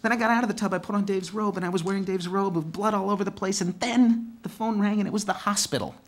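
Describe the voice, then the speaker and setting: Male storyteller, monologue delivery, animated with big swings in energy, stammers and repeats words. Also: fast talker. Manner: animated, swings between excited highs and hushed lows. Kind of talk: first-person storytelling monologue.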